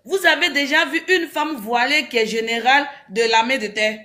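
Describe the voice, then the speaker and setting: A woman's voice: sits high, moderate pace, bright, forceful tone. A woman from Ivory Coast giving a heated, insistent opinion on a talk show, repeating her phrases.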